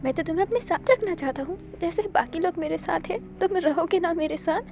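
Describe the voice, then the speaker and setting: A woman voicing an unhinged male doctor obsessed with eyes, talking in a rapid, sing-song, pleading insistence in a fan-fiction story. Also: very high-pitched, a little mellow, a little hiss or hum, pitched above the performer's own voice. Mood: creepy coaxing.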